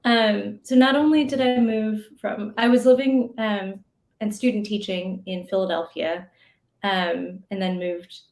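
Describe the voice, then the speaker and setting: Woman guest on a podcast, thinks out loud with lots of ums and likes, kinda echoey room. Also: mid-range voice, fairly even intonation, a little slow. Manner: thoughtful, many fillers and asides, laughs often. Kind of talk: conversational interview answers. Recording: roomy echo.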